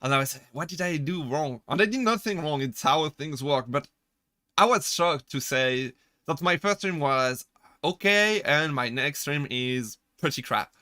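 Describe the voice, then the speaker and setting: A man's voice: fairly high pitch, lively intonation, unhurried, sharp tone, no room sound, clean studio sound. A man streaming as a VTuber, chatting casually, rambling, correcting himself and laughing often as he answers chat.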